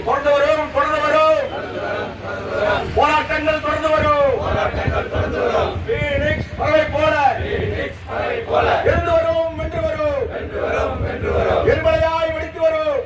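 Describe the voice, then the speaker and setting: A man leading protest chants through a megaphone, shouting in a rhythmic call-and-response beat. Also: extremely high pitch, completely flat delivery, takes it slowly, pauses often, very noisy. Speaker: protest slogan leader. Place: outdoor protest sit-in. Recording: echoey, distant, loud crowd behind.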